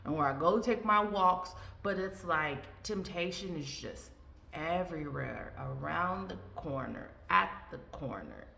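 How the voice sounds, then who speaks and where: A woman vlogger with a low, creaky, sharp-toned voice talks casually and from the heart about faith. She speaks expressively and unhurriedly, rambling with plenty of fillers and restarts, in an echoey room with faint ambient noise.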